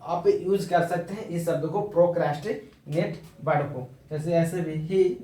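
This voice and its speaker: A man's voice: a little high, mellow, far from the mic, a little hiss or hum. Man teaching words in an echoey room. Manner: explains slowly in Hindi mixed with English, repeating words and spelling them out. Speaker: English vocabulary teacher. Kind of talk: informal vocabulary lesson.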